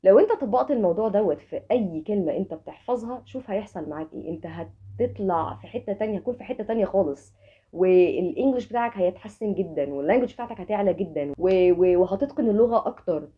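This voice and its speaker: A woman with an Egyptian Arabic accent teaching English vocabulary online, speaking to the viewer directly and drilling each word slowly, syllable by syllable. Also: medium pitch, expressive, husky, highs cut off.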